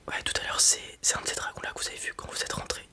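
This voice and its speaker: A lightly acted, racing delivery from a performer cast as a soothing dragon breeder in fantasy ASMR. They whisper breathily, explain informally with small pauses of uncertainty, and come across as warm and convincing.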